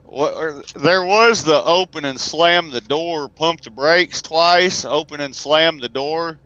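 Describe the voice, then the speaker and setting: A man's voice: fairly high pitch, slow pace, bright, forceful tone, no room sound, highs cut off. A man, a truck driver, telling stories as a guest in a casual, folksy, joking way. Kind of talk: casual conversation, storytelling.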